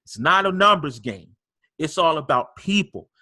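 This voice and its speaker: A man's voice: a little high, lively intonation, moderate pace, pushed and bright, no echo. A man giving a training webinar, coaching people through presentation slides with lots of repetition and filler words. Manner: coaching, repeats emphasis, frequent fillers. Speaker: sales trainer.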